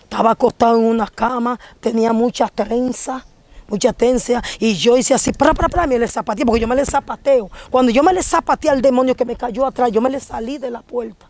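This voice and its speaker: A woman's voice: fairly high pitch, steady tone, fairly quick, a little mellow. A woman giving a fervent religious testimony, emphatically declaring rebukes in a raised preaching voice. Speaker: church testimony giver.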